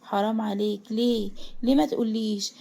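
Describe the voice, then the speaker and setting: Egyptian-accented young man, betrayed, furious, rapid and low-toned, read by a woman narrator. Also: fairly even intonation, gravelly, warm tone. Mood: anguished. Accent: Egyptian Arabic. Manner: sobbing bitter laughter, then harsh threats.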